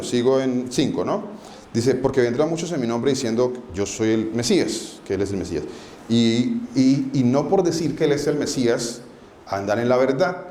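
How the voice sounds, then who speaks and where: A man's voice: medium pitch, darkish tone. A male pastor preaching a sermon, asking rhetorical questions and repeating key words. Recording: echoey room with faint background noise.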